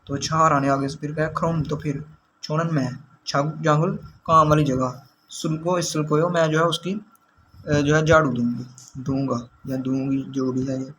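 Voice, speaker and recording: Man teaching vocabulary slowly, slightly high voice. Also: steady tone, fairly bright tone, a little hiss or hum, poor audio. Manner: slow, repeats and glosses each word. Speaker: language teacher. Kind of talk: explaining vocabulary to learners.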